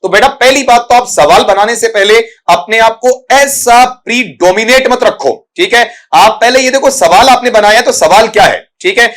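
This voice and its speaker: A man's voice: extremely high pitch, moderate pace, hardly any pauses, a bit bright. Patient male teacher explaining at length. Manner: patient, repetitive, addresses students as "beta" and "bachcha". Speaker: English teacher. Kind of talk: exam-prep lesson in Hindi, answering student questions.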